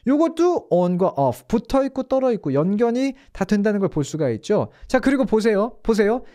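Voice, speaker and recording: A man's voice: sits high, very animated, moderate pace, dark tone. A man teaching English in Korean in a casual online lesson, explaining step by step with rhetorical questions.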